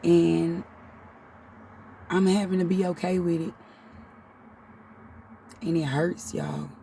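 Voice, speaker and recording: Slow, creaky and mellow, this woman's fairly low voice stays mostly even as she recounts her life in a personal vlog. She's in her thirties, runs a spiritual channel, keeps tears at bay, and often says "y'all"; the recording is from a distance with a little hiss or hum.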